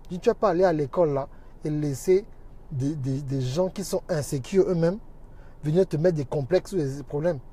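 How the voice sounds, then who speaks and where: Husky man preaching on a livestream. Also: a little high, moderate pace, warm tone. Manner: emphatic, preachy, greets viewers mid-talk. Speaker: minister and social media teacher.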